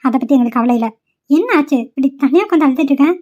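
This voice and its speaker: A woman's voice: high-pitched, racing, a little mellow, muffled recording, lightly acted. A woman voicing caring young female college students in a homemade cartoon, coaxing and pleading with a friend. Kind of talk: amateur cartoon voice acting.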